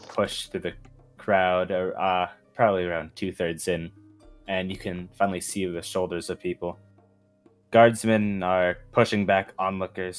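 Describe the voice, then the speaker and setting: A man narrating as game master of a tabletop role-playing game, slow and halting with many fillers. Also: deep voice.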